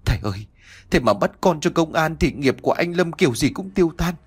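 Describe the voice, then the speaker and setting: A man voicing a grown daughter who begs her angry father in a quick, imploring voice in an audiobook story. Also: on the high side, expressive, slightly rough, pitched above the performer's own voice. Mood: pleading. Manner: begging, rushed and tearful. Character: grown daughter, gentle and pleading.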